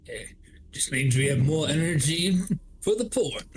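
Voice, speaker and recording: A man's voice: fairly high pitch, expressive, normal speed, slight background noise. A man playing in a tabletop role-playing game, joking and laughing as he narrates his character. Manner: jokey, laughing, playful. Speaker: player. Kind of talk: tabletop role-play chat.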